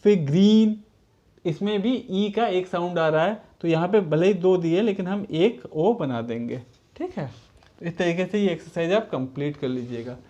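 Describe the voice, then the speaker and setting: Speaking expressively at a moderate pace, a man with a high, dark-toned voice leads a recorded school lesson for children. He patiently reads English sentences aloud word by word, repeats them, and refers to the pupils as children, all captured in dull lo-fi sound.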